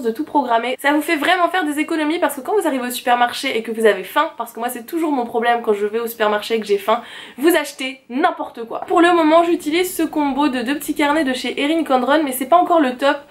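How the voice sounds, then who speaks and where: A woman's voice: sits high, fast talker. A young woman vlogger chatting eagerly about her planners in a casual show-and-tell. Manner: chatty and enthusiastic, gushing.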